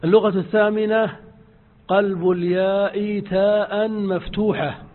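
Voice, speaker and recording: A man teaching an Arabic grammar lesson, repeating his examples slowly and drawing them out. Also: high voice, little pitch movement. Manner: slow, drawn-out repetition of examples. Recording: tinny phone-like audio.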